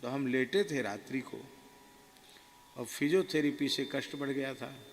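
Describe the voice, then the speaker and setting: A man with a gravelly voice tells a devotional story slowly and earnestly, like a preacher giving a sermon. His mid-pitched voice echoes with a long hall reverb. Faint ambient noise sits behind him. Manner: slow, earnest, reflective. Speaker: spiritual preacher telling his own story.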